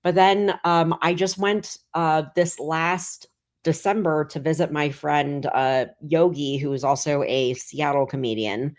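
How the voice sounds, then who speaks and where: Casual guest: thirties woman, deep for a woman, meandering chat full of fillers. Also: fairly even intonation, unhurried. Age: 30s. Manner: rambling, heavy filler "like". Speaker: guest comedian.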